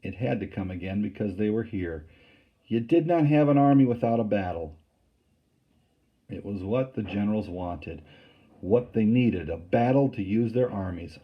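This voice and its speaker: A man's voice: on the low side, slightly rough, dull audio. A man reading a novel aloud to a class and explaining passages in a plain, casual tone. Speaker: teacher.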